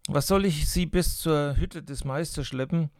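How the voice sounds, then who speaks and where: A man's voice: fairly high pitch, measured pace, no room sound, studio quality, close to an everyday voice. A man voicing a hungry, greedy boy who talks himself into eating more. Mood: scheming. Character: greedy hungry boy, sly and self-justifying.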